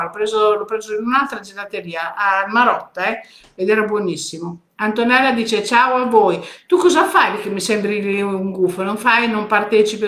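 A woman's voice: on the high side, a bit bright, reverberant. An older woman from hosting a live stream, chatting casually and greeting viewers by name. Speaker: host of a weekly live stream. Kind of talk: casual live chat reading viewer comments.

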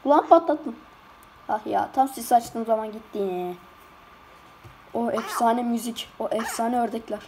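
A woman commenting on a game in casual chat, excitable and slangy, often yelping and shouting. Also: fairly high pitch, unhurried, pauses often, a little hiss or hum. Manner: slangy, keeps saying "lan". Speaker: gamer.

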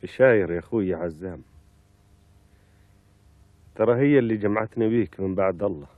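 A man's voice: fairly low pitch, a little fast, no echo, close to an everyday voice. An actor playing an ailing young Bedouin man, tender and earnest, speaking Bedouin Arabic in a television drama. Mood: tender, weakened. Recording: dry, thin phone-like sound.

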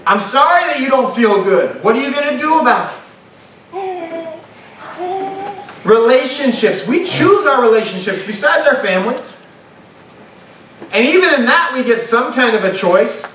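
A man's voice: extremely high pitch, big pitch swings, moderate pace, long pauses, fairly bright tone, a little hiss or hum. A man preaching a sermon to a congregation, talking in a conversational way and asking the room questions. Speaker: pastor. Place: church sanctuary. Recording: echoey church sound from a distant mic.

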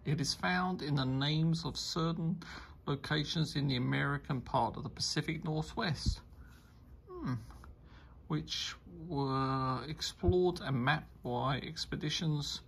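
Male beer reviewer, deep-fried gravelly voice, unhurried casual chat, light hiss behind. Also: fairly bright tone. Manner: rambling, enthusiastic tasting remarks.

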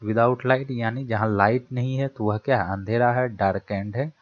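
A man's voice: mid-range voice, fairly even intonation, unhurried. A man with an Indian accent teaching English vocabulary in a mix of Hindi and English, explaining patiently and asking rhetorical questions that he answers himself. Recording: slightly dull lo-fi audio.

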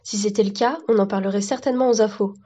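A woman voicing a calm, slightly cheeky young man who speaks matter-of-factly, on a dull lo-fi recording. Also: medium pitch, fast talker, close to an everyday voice.

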